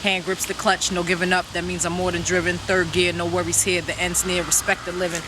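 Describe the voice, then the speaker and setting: A woman rapper from New York, rapping fast and intense verses and talking casually about her music. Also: on the low side, little pitch movement, background noise. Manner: rapid intense rhyming delivery. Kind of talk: rapping and casual interview talk.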